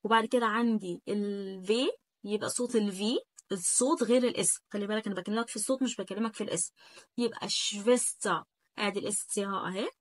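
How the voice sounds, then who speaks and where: A woman with an Egyptian Arabic accent teaching a German lesson in a chatty way, slowly repeating each word and checking "okay?" after every point. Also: medium pitch, no echo. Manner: drills words slowly, repeating them again and again. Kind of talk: casual spoken lesson.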